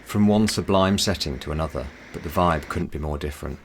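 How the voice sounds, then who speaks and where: Male vlog narrator, very low voice, scripted travelogue read over background noise. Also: a little fast, creaky.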